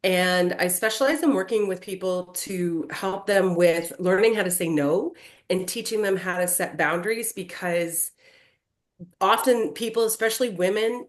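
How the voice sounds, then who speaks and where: Woman in an echoey bare room. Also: mid-range voice. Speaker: life coach and therapist. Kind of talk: casual podcast chat. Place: newly moved-into room with bare walls.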